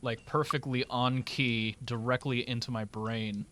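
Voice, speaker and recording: A man's voice: medium pitch, fairly even intonation, a little slow, a bit bright. Sarcastic man streaming a game. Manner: sarcastic, crude and joking. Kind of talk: casual live game commentary.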